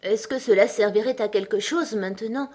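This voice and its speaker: A woman's voice: on the high side, moderate pace, darkish tone, natural voice. A woman voicing a curious, polite little girl who talks eagerly to please. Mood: wondering.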